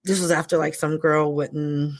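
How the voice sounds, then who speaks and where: Middle-aged woman, low voice, chatty therapist telling stories, dry close sound. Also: moderate pace, no echo. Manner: animated, storytelling with quoted asides. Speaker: podcast co-host, therapist. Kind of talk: casual chat.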